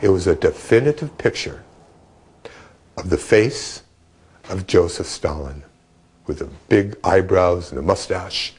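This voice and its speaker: An older man interviewed for a documentary, telling a story with animated delivery and acting out the voices he quotes. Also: low voice, unhurried, pauses often, breathy edge.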